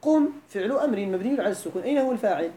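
A woman's voice: medium pitch, lively intonation, very fast, dark tone. A woman with a Moroccan Arabic accent teaching a classroom grammar lesson, often quizzing her students with questions.

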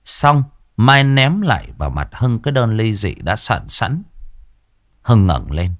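Male narrator, lower voice, lively dramatic story reading, dry recording. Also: measured pace, no room sound. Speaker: audiobook narrator.

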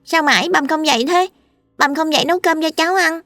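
A woman's voice: high-pitched, fast talker, sharp tone, dry recording, studio quality, voice pushed up. A woman voicing an eight-year-old boy who pleads in a choked, tearful way.

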